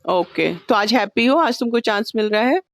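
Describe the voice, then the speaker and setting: A woman's voice: a little high, lively intonation, moderate pace, dry recording. A woman teaching an online class, patient and coaxing with her students, mixing English terms into her talk over a video call. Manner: mixes Hindi with English terms.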